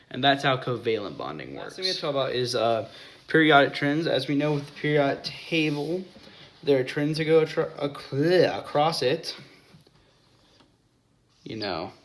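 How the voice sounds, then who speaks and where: A man's voice: mid-range voice, creaky, fairly bright tone, a little hiss or hum. A young man explaining chemistry in a casual whiteboard lesson, often stopping to correct himself and apologize.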